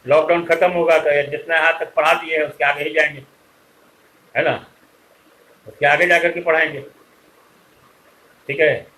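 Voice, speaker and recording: A man's voice: a little high, sharp tone, low-quality recording. A man teaching an online lecture, scolding and lecturing his students directly.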